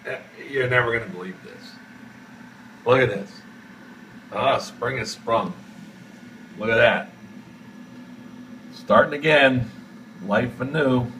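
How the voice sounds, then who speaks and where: A man's voice: medium pitch, a little slow, long pauses, a bit bright, recorded from a distance, a little hiss or hum, low-quality recording. A man improvising theatrically as he films, swearing and reacting with melodrama, speaking indoors into a handheld phone. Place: indoors at a metal sink. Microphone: handheld phone camera.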